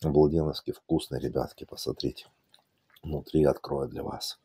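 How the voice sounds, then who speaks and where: A man's voice: extremely low pitch, steady tone, moderate pace, dark tone, slightly rough, dry recording. A man with an Odesa Russian accent tinged with Yiddish, casually demonstrating cooking in a folksy, repetitive way with affectionate diminutives. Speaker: cooking channel host.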